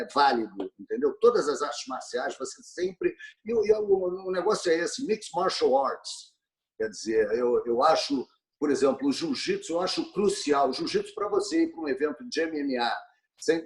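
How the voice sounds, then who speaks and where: A Brazilian man as an interview guest, talking animatedly, repeating words and often asking "entendeu?". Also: fairly high pitch. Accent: Brazilian Portuguese. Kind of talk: casual interview chat.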